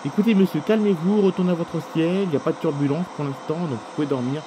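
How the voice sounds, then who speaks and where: Man doing apologetic flight attendant, stumbling and polite, higher pitch, noisy home recording. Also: fast, natural voice. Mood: flustered.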